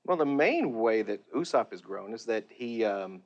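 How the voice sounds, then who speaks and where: Brief: animated male voice actor in a casual interview. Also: on the low side, normal speed, highs cut off. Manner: animated, laughs often. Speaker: voice actor guest.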